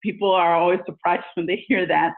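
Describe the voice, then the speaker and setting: A woman in her forties from the United States, a native Spanish speaker and education leader, answers interview questions as a guest. Her lowish voice is brisk with fairly even intonation, and she sounds earnest and thoughtful, using many fillers. The audio comes over a tinny phone line.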